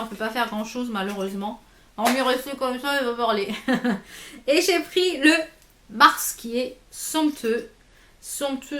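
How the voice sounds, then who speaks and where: A beauty vlogger chats casually through a haul video, her voice a little high and somewhat bright, with noticeable reverb. She talks with lots of fillers and restarts.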